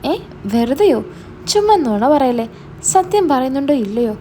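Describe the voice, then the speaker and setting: A woman's voice: high voice, lively intonation, normal speed, warm tone, a little hiss or hum. A woman reading a stern questioning older brother. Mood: stern suspicious. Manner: stern, interrogating. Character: young adult man, stern suspicious older brother.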